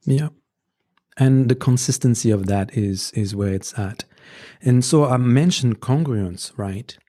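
A native French speaker with a French accent, this man appears as a podcast guest in a conversational interview, earnestly offering relationship advice. His medium-pitched voice is warm. He hesitates a lot, restarting phrases and saying "um" as he works through his points.

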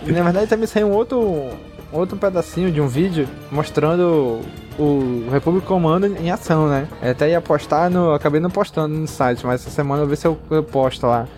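A Brazilian Portuguese-accented man with a somewhat high voice co-hosts a casual fan podcast. He talks in an effusive, slangy and emphatic way, with music playing faintly behind him. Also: fairly quick, few pauses, a little mellow. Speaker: podcast co-host. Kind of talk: excited casual fan chat.

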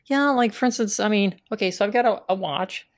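A woman talking in casual conversation, hesitant and halting, with many restarts. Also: mid-range voice. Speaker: guest.

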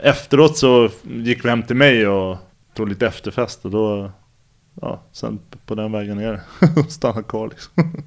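A man in his thirties speaks as a relaxed interview guest. His voice sits fairly low, and he tells stories casually, with plenty of fillers and slang. He rambles comfortably from one anecdote to the next. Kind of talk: casual conversational storytelling.

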